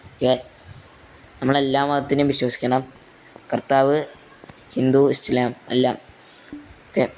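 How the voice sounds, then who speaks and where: A man's voice: mid-range voice, a little hiss or hum. A young man giving casual, joking gameplay commentary, mixing in English fillers. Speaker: gaming YouTuber.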